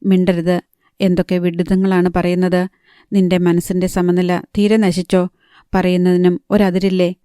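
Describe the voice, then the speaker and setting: A woman reading a calm young man who steadily reassures his tearful lover, in an audiobook. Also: on the low side, moderate pace, smooth, dry recording, clean studio sound, lightly acted. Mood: scolding. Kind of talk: audiobook narration.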